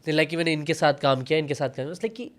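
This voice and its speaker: A man's voice: a little high, animated, fast. A man guesting on a casual podcast, giving emphatic, lecturing advice and often dropping English phrases. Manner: emphatic, lecturing, keeps saying "bhai" and "theek hai?". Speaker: podcast guest, content creator.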